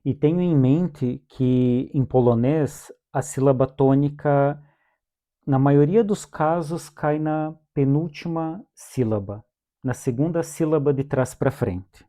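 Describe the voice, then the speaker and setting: A man's voice: fairly high pitch, takes it slowly, mellow. A young Brazilian man with a Brazilian Portuguese accent, teaching a language lesson in a patient way and repeating each word twice for his learners. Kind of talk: calm lesson with repeated vocabulary drills.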